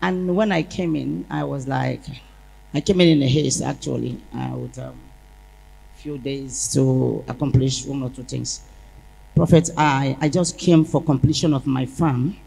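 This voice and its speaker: Woman telling an animated testimony. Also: rumbling low, measured pace, gravelly, breathy edge. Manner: animated storytelling, acting out dialogue. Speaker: church member giving testimony. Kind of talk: emotional church testimony. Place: large church hall. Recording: echoey church hall.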